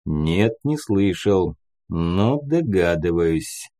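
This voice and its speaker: A male audiobook reader voicing a gruff older squad commander who speaks slowly and plainly. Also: low voice, sing-song, warm tone, pitched below the performer's own voice, heavily acted. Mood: explaining. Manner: slow, unhurried, folksy.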